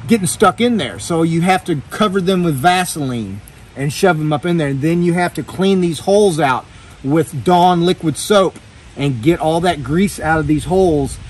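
Slight background noise accompanies this man's somewhat high voice. He's a middle-aged boat owner in a boatyard, narrating his repair plainly and casually while he works under the hull.

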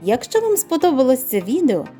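A woman reading a children's fairy tale aloud in an expressive, sing-song way. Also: high voice, fairly quick, soft background music. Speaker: storyteller. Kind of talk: children's audiobook narration.

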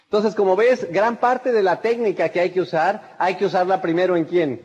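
A man from Mexico giving an animated network marketing seminar, acting out little scenes and often checking in with "¿verdad?". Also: sits high, moderate pace. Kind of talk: motivational seminar talk. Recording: muffled, husky sound with long hall reverb.

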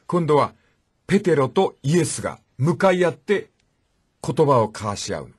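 Brief: male radio host, husky, very lively storyteller voice. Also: on the high side, normal speed. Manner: acts out the voices in the stories he retells. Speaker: radio talk show host. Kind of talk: animated storytelling commentary.

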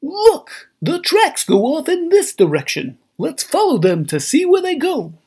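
A man voicing Banana Man, a grown-up banana hero, with husky, squealing, excitable exclamations in a cartoon read-aloud. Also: very high voice, measured pace, voice pushed up, exaggerated voice. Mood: eager.

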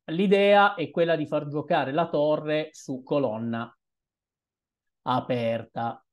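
A young man commenting on his own chess game as he plays, thinking aloud in an unhurried, musing way with hesitant asides, recorded on a webcam at a desk in a small room. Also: on the high side, highs cut off. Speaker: chess streamer.

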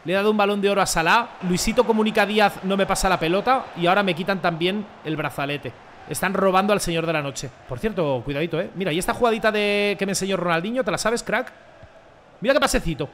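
A young man, commentating his football video game with jokes, dramatic rants and sudden shouts. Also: high voice, quick pace, a little hiss or hum. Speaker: gaming streamer.

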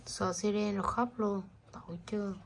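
A young woman at home, gently asking her child questions in a casual home video. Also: mid-range voice, fairly even intonation, moderate pace, gravelly, very noisy. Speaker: parent talking with her child.

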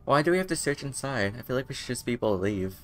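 A man's voice: mid-range voice, expressive, very fast, a bit bright, faint music behind. A young man doing casual, rambling, profane gameplay commentary as a streamer. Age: young adult. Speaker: game streamer.

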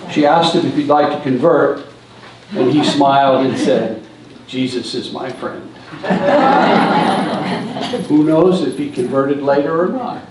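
Over a loud crowd, an older man of medium pitch speaks at a measured pace, leaving long pauses. He's at a lectern in a large hall giving a church seminar talk, telling stories and gesturing, and the sound is distant and echoey.

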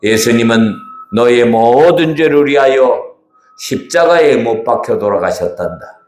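A man voicing a gentle teacher in a live children's church puppet show, calmly explaining and reassuring. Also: medium pitch, a little slow, natural voice. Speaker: pastor performing. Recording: echoey church hall, faint music.

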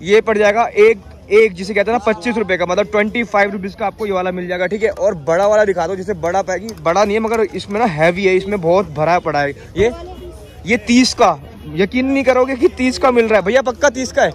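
A young man with a high voice talks fairly quickly while vlogging on a phone held at arm's length, walking through a busy outdoor street market. He chats casually with sellers and repeats each price to the camera.

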